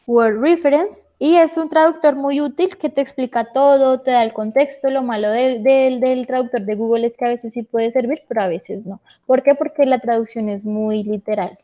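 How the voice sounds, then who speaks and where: Woman, english teacher, online class, patient, asks questions, fairly high voice. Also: moderate pace, hardly any pauses, dull audio. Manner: patient, checks understanding with questions.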